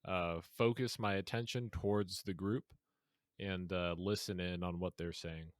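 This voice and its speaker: Player, male, lowish voice, wry and deadpan. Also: measured pace.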